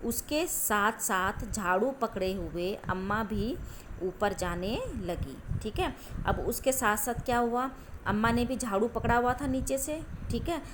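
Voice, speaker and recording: A woman's voice: a little high, a little hiss or hum. A woman schoolteacher explaining a story to young children, repeating herself and asking the class questions. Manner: patient, asks the class questions and repeats "okay" constantly. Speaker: school teacher.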